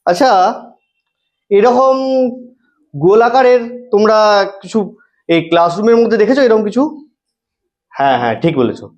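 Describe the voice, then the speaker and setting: A woman's voice: medium pitch, expressive, normal speed, pauses often, a little mellow. A female trainee teacher giving a demo lesson, asking questions and answering them herself. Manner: cheerful, asks and answers her own questions. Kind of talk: demo lesson to an imagined class. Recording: dull lo-fi sound.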